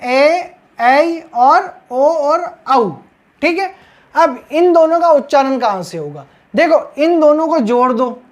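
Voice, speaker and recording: A woman teaching grammar at a board, explaining step by step and checking in with her students after each point. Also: high voice. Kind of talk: blackboard lesson.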